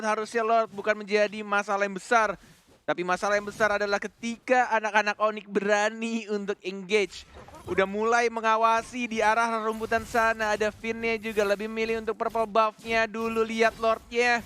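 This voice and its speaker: An Indonesian man shoutcasting esports play-by-play like a fighting game announcer, in an excited, dramatic manner with repetitive build-ups. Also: high voice, moderate pace, soft background music.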